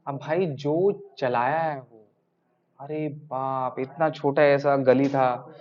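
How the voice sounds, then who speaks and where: A man teaching a classroom tax lesson, telling a lively story and addressing students as sir. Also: mid-range voice, slow, lo-fi sound. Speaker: tutor. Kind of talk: classroom lecture with anecdote.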